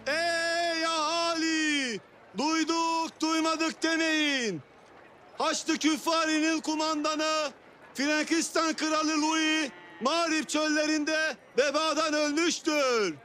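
Village town crier, period drama: piercingly high, stretched-out shouted announcements. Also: male voice, fairly even intonation, exaggerated voice. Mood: proclaiming loudly. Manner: shouted, long drawn-out crying of announcements. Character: loud male town crier of a medieval Anatolian village. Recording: music behind the voice.

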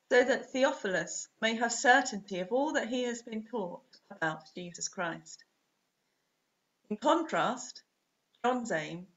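A woman in her forties reading a scripted sermon as a priest, in measured, deliberate short phrases, recorded on a webcam at home. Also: medium pitch, fairly bright tone. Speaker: preacher, Anglican priest. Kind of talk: scripted sermon read to camera. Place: small home room, indoors. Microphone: webcam or laptop at desk distance. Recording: dull, muffled webcam audio.

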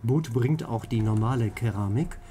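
A man's voice: mid-range voice, normal speed, dark tone. A man hosting a let's play, chatting casually and playfully repeating words to himself as he plays. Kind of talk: casual gameplay commentary.

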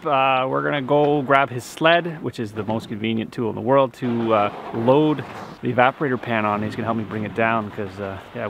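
A man in his thirties films himself in a snowy forest with the camera held at arm's length, talking in a relaxed, rambling way full of fillers. His voice has a gravelly, fry-edged texture. A faint hiss sits under the recording. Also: mid-range voice. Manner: relaxed, chatty, many fillers and restarts. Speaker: homesteading vlogger. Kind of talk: casual vlog narration. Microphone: handheld camera held at arm's length.

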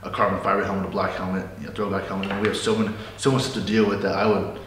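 A man's voice: deep voice, flat delivery, rapid-fire, heavy reverb, recorded from a distance, slight background noise. A man in his twenties from California, an equipment manager speaking casually and earnestly in an interview. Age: 20s. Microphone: lapel mic.

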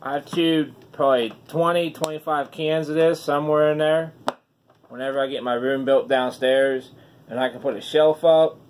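A man's voice: fairly high pitch, steady tone, normal speed. A middle-aged man chatting casually to camera as a product reviewer, talking with a lip full of chewing tobacco. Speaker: online dip reviewer. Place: small wood-paneled room indoors. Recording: noisy room recording.

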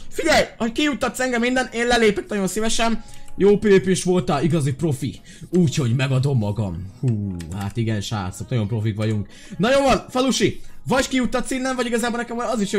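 An excitable man gives playful commentary on a video game and keeps talking to his viewers. His voice sits high. It swings up and down with lively energy, and faint music plays behind him. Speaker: gaming video host.

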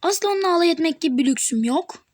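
A woman giving live gameplay commentary on her channel, excitable and teasing, talking back at the game as she plays. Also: very high voice, racing. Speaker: gaming channel host.

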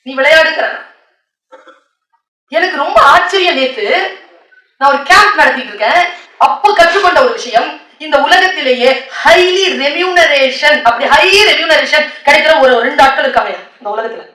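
A woman giving a motivational speech to an audience, telling stories in a lively way and mixing in English words. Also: high-pitched, moderate pace. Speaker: motivational speaker. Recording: echoey hall, distant mic.

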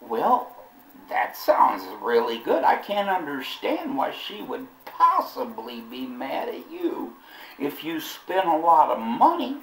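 A man's voice: on the high side, wildly swooping pitch, slow pace, creaky, fairly bright tone, slight background noise. A man performing a ventriloquist routine as the patient straight man, asking questions. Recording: roomy echo, from far off.

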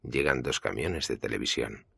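A man from Spain, with a Spanish accent, reading an audiobook in a steady, measured way. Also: very deep voice, creaky, husky, no echo, studio quality. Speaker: audiobook narrator. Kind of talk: audiobook narration.

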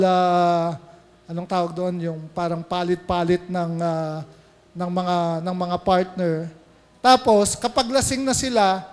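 A man's voice: sits high, big-room sound. A male pastor with a Filipino accent preaching a sermon, switching between Tagalog and English and asking the congregation questions. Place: church sanctuary.

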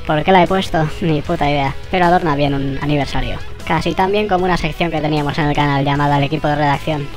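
A channel host with a Spain Spanish accent, voice sped up like a tape on fast forward, giving a sarcastic, swear-laden anniversary monologue. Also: mid-range voice, steady tone, faint music behind. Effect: sped-up squirrel voice, like a tape on fast forward.

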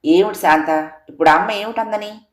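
A calm married son who answers in a measured voice with mild reproach, as a woman narrator reads him. The voice stays in her own low-ish register, with roomy echo around it in a storybook reading. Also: close to an everyday voice. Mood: reproachful.

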